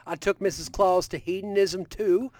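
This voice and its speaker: A man's voice: sits high, fairly even intonation, moderate pace, darkish tone, no room sound, natural voice. Man doing a crude Southern Santa Claus. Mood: folksy. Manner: boisterous, folksy, crude and boastful. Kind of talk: improvised comedy character bit.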